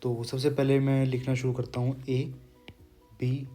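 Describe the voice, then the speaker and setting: Calm man teaching the alphabet. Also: mid-range voice, soft background music. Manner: explains patiently, repeating letter sounds slowly. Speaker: German language teacher. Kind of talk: casual spoken lesson.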